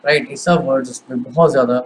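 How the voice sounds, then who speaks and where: A man's voice: mid-range voice, steady tone, a little hiss or hum, rough recording. A male teacher with an Indian accent, switching between Hindi and English as he explains grammar and repeats each word on the board. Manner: slow, repeats words while writing on a board. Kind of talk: classroom grammar lesson.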